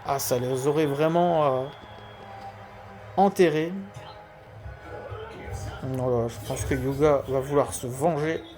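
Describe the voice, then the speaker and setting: A man with a lisp and slushy s sounds speaks in a dark, mellow, medium-pitched voice. He commentates as an amateur game streamer, repeating key words for emphasis. Faint music plays behind him. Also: steady tone, takes it slowly, pauses often. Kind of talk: football video game commentary and dedication to a friend.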